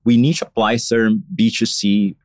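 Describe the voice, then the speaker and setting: A man's voice: lowish voice, level tone, moderate pace, darkish tone, dry recording, clean studio sound. A man from Brazil, a guest on a podcast, talking casually and thoughtfully, with lots of "you know" and "like" in his answers. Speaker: podcast guest, marketing lead.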